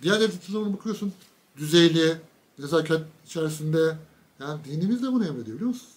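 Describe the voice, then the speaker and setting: A man's voice: on the high side, animated, fast talker. Mocking man in a sarcastic monologue. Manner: mocking, sarcastic, emphatic, addresses viewers directly. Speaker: political commentator. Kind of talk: casual political commentary monologue.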